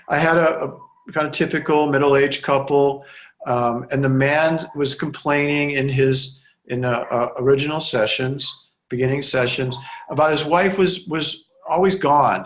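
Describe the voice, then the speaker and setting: Man, couples counselor, unscripted teaching talk, thoughtful, many restarts, mid-pitched voice. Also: a bit bright. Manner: thoughtful, restarts often, acts out quoted clients.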